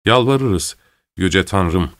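A man voicing a shaken soldier who reads a prayer at a grave, hushed and hesitant. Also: deep voice, lively intonation, very slow, no room sound, full character voice. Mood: hushed solemn.

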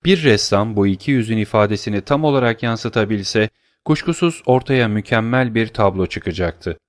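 A man narrating an audiobook in a measured, even storytelling voice. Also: on the low side, no room sound, clean studio sound. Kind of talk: scripted narration.

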